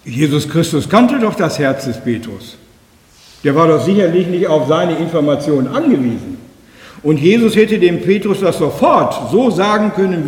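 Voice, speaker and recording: Earnest preacher in an echoey hall. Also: male voice, high voice, a little mellow. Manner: earnest, acts out quoted speech with slow emphatic lines. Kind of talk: sermon. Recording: echoey hall with long reverb.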